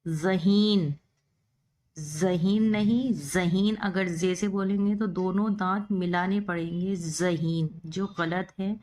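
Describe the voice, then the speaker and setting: A woman teaching Urdu, spelling words out letter by letter and repeating each one. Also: medium pitch. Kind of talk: slow spelling-out lesson.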